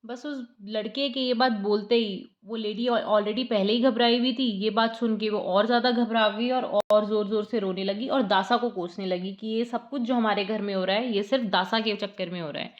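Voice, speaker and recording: A woman's voice: mid-range voice, steady tone, normal speed, hardly any pauses, lo-fi sound. A woman retelling a short story in a chatty, conversational way. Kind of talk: casual story summary narration.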